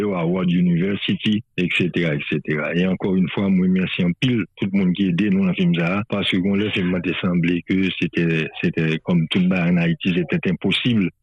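Haitian man, low voice, muffled radio. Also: slightly rough, no echo. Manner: loose, halting phrasing with frequent restarts. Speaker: filmmaker guest. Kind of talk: radio interview. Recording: dry, slightly muffled radio sound.

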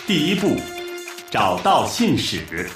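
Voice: medium pitch, huge pitch swings, slow pace. A performer plays an ominous game narrator, solemnly and portentously setting out a grave mission. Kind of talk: dramatic scripted narration. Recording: very echoey, music behind.

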